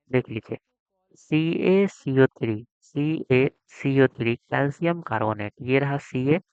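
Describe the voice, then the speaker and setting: A man's voice: medium pitch, clear, resonant tone, dry recording. A man teaching a chemistry exam lesson. He asks his students questions, repeats them and supplies the answers himself. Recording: dry, dull lo-fi sound.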